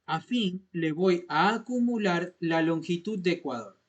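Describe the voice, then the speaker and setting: Patient male coding teacher, slightly higher voice. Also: animated, measured pace, muffled recording. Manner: patient, repeats points and checks understanding with questions. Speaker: programming instructor. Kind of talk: step-by-step coding lesson.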